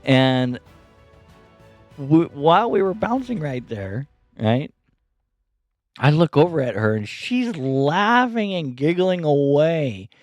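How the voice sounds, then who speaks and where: Animated man laughing through a story. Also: fairly high pitch, slow pace, long pauses, no echo, soft background music. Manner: laughs often, animated retelling with swearing. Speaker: podcast host. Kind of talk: casual personal storytelling. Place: bedroom.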